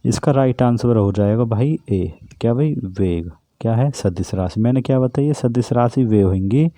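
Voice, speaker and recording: A man's voice: medium pitch, dark tone, dry recording. A man teaching an exam-prep physics lesson, who keeps asking questions and answering them himself. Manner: repetitive, asks and answers own questions.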